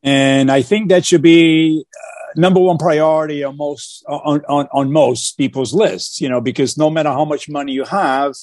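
Earnest and hesitant, with many fillers and repeated starts, a man from Portugal discusses his life in a casual video-call interview. His fairly high voice is steady and a little mellow at a moderate pace. The audio is echo-free and studio quality.

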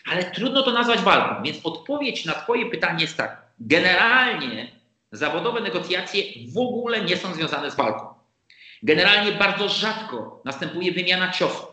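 A man explaining negotiation ideas in an animated conversational way, acting out the quoted exchanges. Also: sits high, normal speed, reverberant, poor audio. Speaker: negotiation expert guest.

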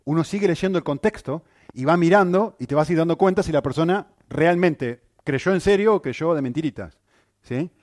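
A male pastor preaching a sermon, animated, with rhetorical questions and frequent checks on his listeners. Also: on the high side, moderate pace, dry recording, studio quality.

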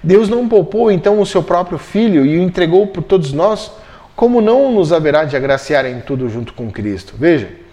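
A man's voice: fairly high pitch, a little mellow. A man teaching a Bible study, explaining step by step and checking in with his listeners often.

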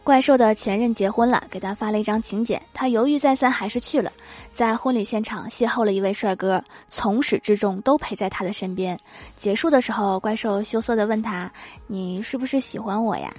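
A young woman host reading funny anecdotes as comic narration, with lively storytelling that acts out the quoted lines. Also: mid-range voice, a little fast. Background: background music.

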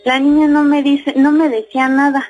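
A woman's voice: high voice, little pitch movement, moderate pace, a little mellow, dull audio, faint music behind. A woman caller with a Mexican Spanish accent telling a personal story in a chatty way, full of fillers. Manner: chatty, many fillers like "este" and "¿no?".

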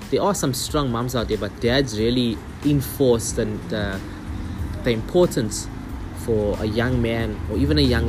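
A young South African man with a South African accent, hosting his own podcast in an earnest, explanatory way with frequent pauses. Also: medium pitch, noisy background. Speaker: podcast host. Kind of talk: solo motivational podcast talk.

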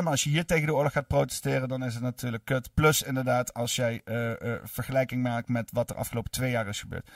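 A man's voice: medium pitch, no echo, clean studio sound, distant mic. A man hosting a livestream, reading and answering chat in a rambling, cursing way full of fillers. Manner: rambling, profane, many fillers.

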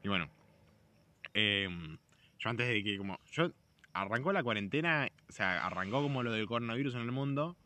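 A man's voice: mid-range voice, expressive, moderate pace, bright, forceful tone, no echo. A young Argentine man talking in a casual chat, rambling and slangy, swearing freely and restarting his sentences often. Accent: Argentine Spanish.

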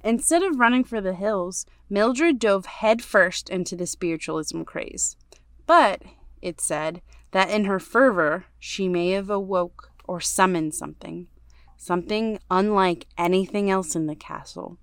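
A woman podcast host reading a ghost story aloud in a measured, storytelling way, going hushed on the dark parts. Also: medium pitch, clean tone, no room sound, clean studio sound.

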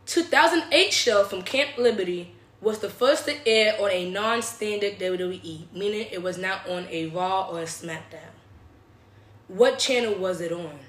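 A woman's voice: medium pitch, normal speed, a bit bright. A woman casually hosting a trivia game, reading out questions. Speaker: quiz host. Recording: echoey room.

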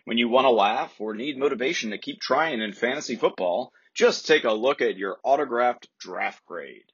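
A man reading a scripted parody sponsor ad in a salesman pitch delivery. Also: normal speed, a bit bright, slightly rough, no echo, highs cut off. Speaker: mock sponsor ad reader.

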